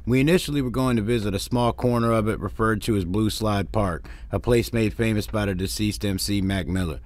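A man's voice: fairly low pitch, fairly quick, no echo. A man from Detroit narrating a family road-trip vlog in a plainspoken, wry way, with dry complaints. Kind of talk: narrated travel recap.

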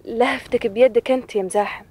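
A woman's voice: fairly high pitch, fairly even intonation, fast, dark tone, natural voice. An actress in her twenties playing a direct, questioning young sweetheart in a television drama, with a Bedouin Arabic accent. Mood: questioning, wistful. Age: 20s.

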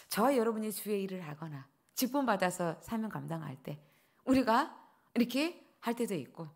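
A middle-aged woman pastor preaching a dawn service sermon, acting out prayers and the dialogue of her stories with lively feeling. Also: medium pitch.

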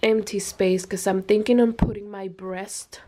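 A woman's voice: mid-range voice, steady tone, a little slow, mellow. A young woman vlogging, chatty and casual, explaining baby items one by one with lots of fillers. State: pregnant, briefly out of breath. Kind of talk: casual home tour vlog. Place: home nursery room.

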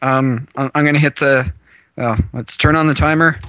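A man's voice: medium pitch, fairly even intonation, normal speed, a bit bright. A man hosting a casual gaming video, rambling and hesitant, often giggling between fillers. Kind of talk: casual let's-play chat.

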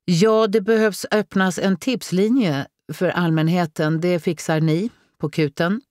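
A woman's voice: fairly low pitch, steady tone, darkish tone, no echo, studio quality, pitched above the performer's own voice, lightly acted. A woman reading an audiobook, voicing a male detective who hands out tasks with hesitant fillers. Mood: businesslike. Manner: hesitant, with many "eh" fillers, businesslike.

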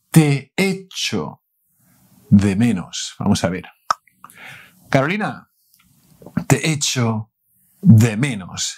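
Male Spanish teacher from Spain, Spanish accent, slow and lively, playful lesson delivery. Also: medium pitch, slightly rough. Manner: playful, slow repetition of phrases, mixes Spanish and English. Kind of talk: casual language lesson.

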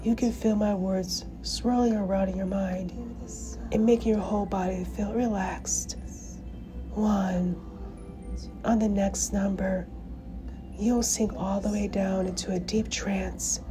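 Slow, soft-spoken woman in hypnosis role-play. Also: medium pitch, fairly even intonation. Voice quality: soft, breathy soft voice. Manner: slow, soothing, commanding, with long pauses. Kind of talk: ASMR role-play, guided hypnosis induction. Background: music.

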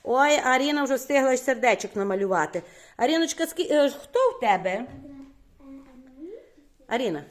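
Encouraging teacher woman, higher voice. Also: lively intonation. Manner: encouraging, quick questioning, frequent praise. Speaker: primary school teacher. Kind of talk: classroom lesson with young children. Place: classroom.

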